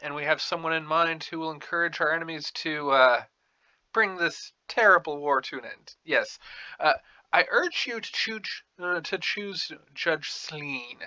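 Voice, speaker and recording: A man voicing an ingratiating necromancer ambassador from a fantasy game, halting and eager to persuade. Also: fairly high pitch, sharp tone, no room sound, dull audio.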